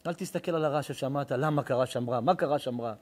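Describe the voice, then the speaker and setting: A middle-aged man, a rabbi, preaching a sermon. He swings from loud, emphatic declaiming to hushed, intense storytelling. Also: medium pitch.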